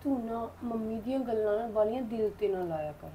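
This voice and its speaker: A woman with a Punjabi accent playing a gentle daughter-in-law who soothes and pleads. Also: a little high, lively intonation, fairly quick, slight background noise, natural voice. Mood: soothing.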